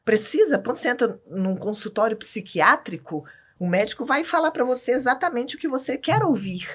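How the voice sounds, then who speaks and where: Husky-voiced Brazilian woman, emphatic. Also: a little high, lively intonation, fairly quick. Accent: Brazilian Portuguese. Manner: emphatic, keeps asking "entende?". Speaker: podcast guest. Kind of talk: candid podcast conversation.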